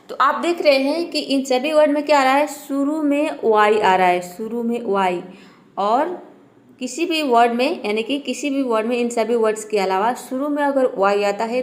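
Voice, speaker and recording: A woman teaching English pronunciation rules, patiently asking and answering her own questions and repeating each word slowly. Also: on the high side. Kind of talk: spoken lesson on pronunciation rules.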